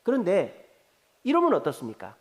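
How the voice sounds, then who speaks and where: A man's voice: sits high, huge pitch swings, normal speed. A man preaching a Sunday afternoon sermon as a pastor, telling stories, acting out quoted lines and putting questions to the congregation.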